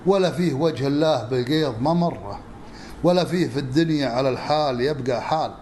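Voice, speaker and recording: A man's voice: medium pitch, fast, darkish tone. Man reciting Nabati poetry, noisy recording. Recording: clearly noisy background ambience.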